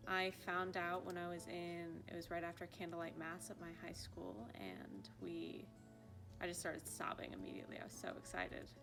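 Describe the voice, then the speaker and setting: A young woman from California, a stage management student, recalling things softly. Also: fairly low pitch, normal speed. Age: young adult. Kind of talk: casual interview. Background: background music.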